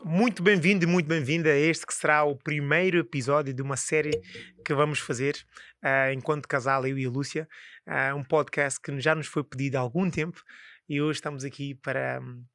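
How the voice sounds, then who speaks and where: A man's voice: fairly high pitch, fairly even intonation, a little fast, fairly bright tone, no room sound, clean studio sound. A man co-hosting a podcast, teasing his partner with many fillers and playful storytelling. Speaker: podcast co-host. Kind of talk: casual chat.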